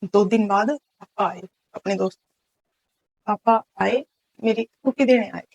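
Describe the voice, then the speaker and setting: A woman's voice: medium pitch, a little slow, gravelly, a little mellow, low-quality recording. A young woman from Haryana, telling her life story as an interview guest, earnest and full of restarts. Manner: earnest, recounting events with many restarts and quoted dialogue.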